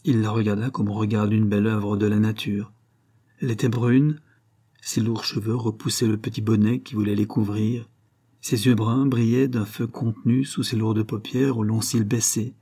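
Male audiobook narrator; calm, measured, husky and warm. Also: lowish voice. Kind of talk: audiobook reading of a classic story.

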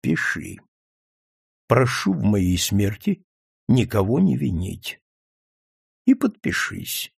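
Man voicing a calm scheming doctor, quiet, measured, slow, scornful, gravelly, dry. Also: medium pitch, dry recording, exaggerated voice. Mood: cold taunting. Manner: quiet measured deliberate speech. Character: cold calculating male doctor, calm and scornful.

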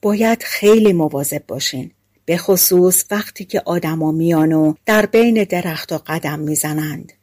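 A woman voicing a wise, cautious father sparrow who gives earnest warnings, slightly lower than her narration. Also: a little mellow, lightly acted.

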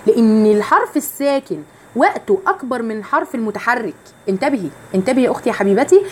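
A woman with an Egyptian Arabic accent teaching Quran recitation rules to women, explaining each rule, reciting verses slowly and drawn out, and putting questions to her listeners. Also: high-pitched, a little mellow, slight background noise. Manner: asks the listeners questions directly. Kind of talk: tajweed lesson for women.

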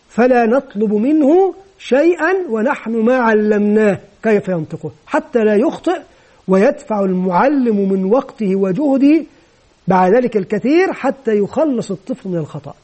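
A man with a very high-pitched voice that is also dark and mellow in tone. He lectures in a calm, methodical way, laying out each step of a classroom method in order. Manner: measured, methodical explaining. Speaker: teacher trainer. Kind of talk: explanatory lecture on teaching method.

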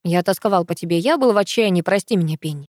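A woman's voice: lowish voice, lively intonation, fast talker, a little mellow, no echo, clean studio sound, close to an everyday voice. Woman voicing a remorseful male professor. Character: brooding grown male professor, remorseful and tender.

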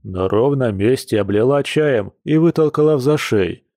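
A man's voice: mid-range voice, expressive, moderate pace, warm tone, no room sound, studio quality, close to an everyday voice. A man voicing a bewildered grown man who talks in a blunt, indignant way.

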